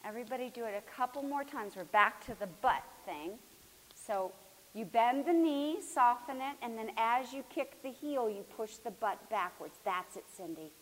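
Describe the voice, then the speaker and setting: A woman leads a floor movement class, coaching her students by name with steady encouragement. At times her voice drops close to a whisper. The recording carries a faint hiss and a long echo from a large hall. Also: on the high side, normal speed. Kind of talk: live class instruction. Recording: hissy recording in a reverberant hall.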